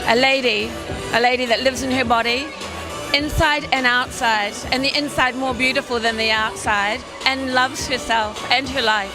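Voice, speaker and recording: A woman's voice: on the high side, fairly even intonation, moderate pace, rough recording. A woman answers casually in an interview as a pageant judge. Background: music.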